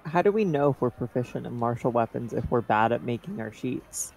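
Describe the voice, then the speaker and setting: A man's voice: medium pitch, expressive, a little fast, gravelly, a little mellow, poor audio. A man chatting casually and jokingly as a player in a tabletop game.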